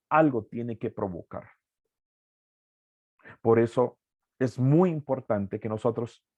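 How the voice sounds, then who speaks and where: A man's voice: mid-range voice, warm tone, dry recording. A man teaching an evangelism workshop as a preacher, earnest and emphatic, repeating key phrases.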